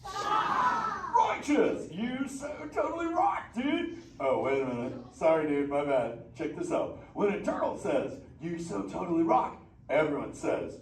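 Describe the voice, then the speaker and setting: Picture a mellow, slang-slinging surfer turtle, as a man acts him out, his high voice leaping all over the place. He riffs playfully, heard from across an echoey theater with steady noise underneath. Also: a little slow, full character voice. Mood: stoked. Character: laid-back male sea turtle surfer dude. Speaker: live show character chatting with audience. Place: indoor theater show. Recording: echoey theater, distant, noisy.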